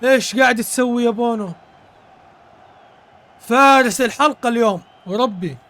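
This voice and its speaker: A man with a very high voice calls a football video game live for his stream. He bursts into repeated exclamations and keeps thanking his viewers between plays. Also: normal speed, fairly bright tone. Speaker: gaming streamer. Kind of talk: excited live game commentary.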